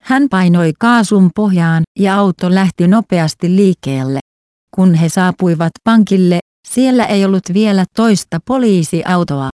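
A woman narrating a story aloud at a steady, unhurried pace, giving the characters their own voices. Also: lowish voice, clear, resonant tone, dry recording, clean studio sound.

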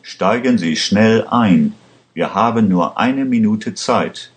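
Man reads curt soldier, audiobook, low voice, slow. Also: expressive. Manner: curt, hurried orders. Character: curt armed male soldier in a helicopter.

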